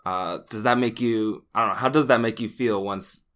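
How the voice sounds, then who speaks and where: A man's voice: lowish voice, normal speed, fairly bright tone. A man from the United States hosting a podcast, asking long, rambling interview questions with fillers. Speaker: podcast host.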